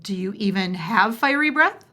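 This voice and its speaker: A patient, practical knight from a picture book, coaching a young dragon in a plain, matter-of-fact way, as a woman reads him. The voice is bright and clear, moving along briskly. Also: medium pitch, lively intonation.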